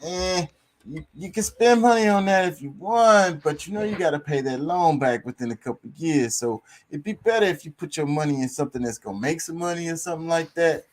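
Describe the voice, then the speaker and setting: A slick, patronizing male lender, pitched a good deal higher than the speaker's own voice, coaxing and condescending in a smooth, easy way, as a man puts him on in casual talk. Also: brisk, lightly acted.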